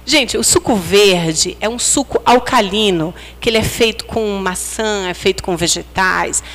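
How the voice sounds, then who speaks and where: A woman's voice: mid-range voice, unhurried, fairly bright tone. A woman with a Brazilian accent giving a conversational religious lecture at a spiritist center, often asking the audience for agreement. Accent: Brazilian Portuguese. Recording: hall reverb.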